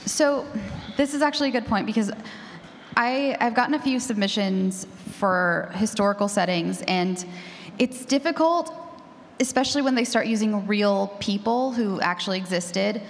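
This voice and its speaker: On a convention panel in a large, echoey room, a woman who podcasts about horror fiction speaks informally in a casual discussion. Her voice is medium in pitch at a normal speed, and the hall recording is echoey.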